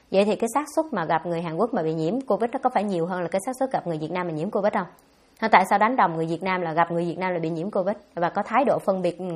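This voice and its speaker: A Buddhist nun giving a dharma talk, answering questions in a blunt, scolding way. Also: female voice, on the low side, a little mellow. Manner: blunt, scolding, fast-talking.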